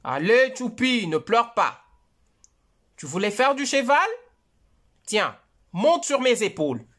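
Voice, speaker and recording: Storybook dad, calm and coaxing, voice dropped lower, done by a woman. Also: slow, exaggerated voice. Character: patient father of a small child.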